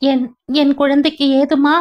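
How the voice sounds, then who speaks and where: A woman's voice: high voice, steady tone, unhurried, voice pushed up. A woman voicing a young pregnant woman, grief-stricken and furious, speaking in a distraught, accusing way. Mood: panicked. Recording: dull lo-fi recording.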